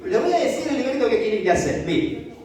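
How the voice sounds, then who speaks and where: A pastor preaching an animated sermon, acting out Bible scenes and making asides to the congregation. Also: medium pitch, fast talker. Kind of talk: lively sermon. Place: church hall. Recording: echoey church hall from far off.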